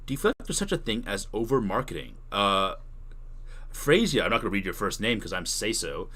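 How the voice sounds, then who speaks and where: A man's voice: lowish voice, sing-song, a little fast, sharp tone. A man talking casually on a livestream, answering questions as he thinks aloud and rephrases. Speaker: streamer giving tutorial and answering chat questions.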